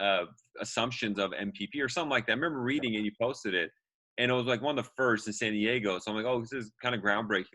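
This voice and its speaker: A male podcast host chats casually in a rambling way. His voice is bright and forceful, with a middle pitch. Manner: chatty, rambling. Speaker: podcast host, immigration lawyer. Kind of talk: casual interview talk.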